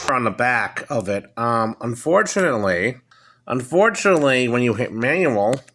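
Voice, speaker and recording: A plain-spoken, middle-aged American man with a medium-pitched, bright, forceful voice presents his products as a hobbyist in an off-the-cuff show-and-tell. He's indoors at home by a wooden table, filming with a handheld phone from behind the camera.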